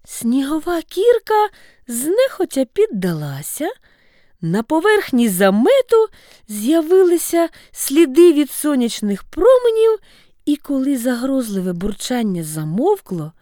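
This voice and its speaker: A woman narrating a storybook tale in an expressive way, with sweeping pitch. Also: takes it slowly, dry recording, studio quality. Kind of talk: storybook reading.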